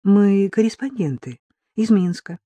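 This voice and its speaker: A woman's voice: medium pitch, expressive, unhurried, mellow, slightly rough, dry recording, voice pushed up. A woman voicing an earnest, persistent young woman journalist in an audiobook.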